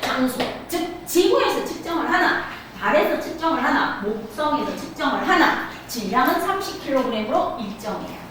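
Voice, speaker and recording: A woman's voice: sits high, big pitch swings, normal speed, few pauses, fairly bright tone. A woman teaching a middle school science class, repeating key points and prompting students with singsong questions. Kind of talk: classroom lecture. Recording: echoey room, distant mic, noisy.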